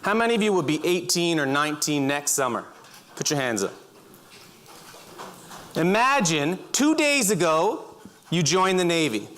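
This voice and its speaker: A middle-aged man telling vivid second-person stories on a stage, breaking into loud shouts. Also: on the high side, very animated, unhurried, pauses often, slight background noise. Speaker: speaker. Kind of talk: storytelling talk. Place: auditorium stage.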